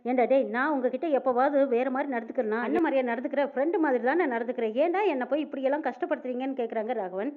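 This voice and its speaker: Brisk, high woman storyteller; tinny phone-like recording, rattles through dialogue. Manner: narrates quickly, reads out each character's lines with tags like "she says". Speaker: narrator retelling a TV serial episode. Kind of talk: fast storytelling recap voicing all characters.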